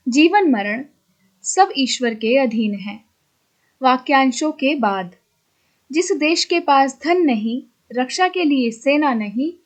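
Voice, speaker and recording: A woman reading a textbook lesson aloud in a measured, deliberate way with pauses. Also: fairly high pitch. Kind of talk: slow textbook read-aloud.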